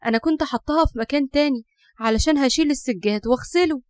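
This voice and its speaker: A woman's voice: high-pitched, quick pace, no room sound, studio quality, pitched above the performer's own voice, natural voice. A woman voicing a frightened young Egyptian woman haunted by spirits, in an audio horror story. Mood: confused.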